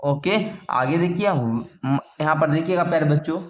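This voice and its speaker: Male tutor, higher voice, patient classroom explainer who keeps checking in, roomy echo. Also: animated. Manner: repeats words slowly for students to copy; checks in with "thik hai" and "samjhe" often. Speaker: teacher. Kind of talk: explaining an English lesson in Hindi.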